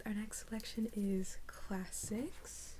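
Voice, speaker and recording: A young woman in a whispered role-play as a librarian, speaking in a soft, halting whisper. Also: medium pitch, little pitch movement. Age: young adult. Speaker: ASMR creator playing a librarian.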